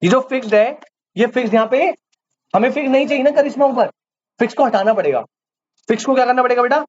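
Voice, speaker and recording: Man teacher, very high voice, a quizzing, repetitive classroom lecture style. Dull recording with faint hiss. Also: fast. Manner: quizzes students, repeats key terms, calls them "beta". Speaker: commerce teacher. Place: classroom with students.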